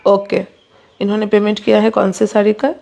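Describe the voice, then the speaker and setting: A woman hosting a live saree sale, urging viewers to book fast in quick, pushy patter mixed with English. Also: mid-range voice, little pitch movement, vocal fry, mellow. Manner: rapid, pushy sales patter, mixing English in. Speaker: online saree seller. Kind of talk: live sales stream.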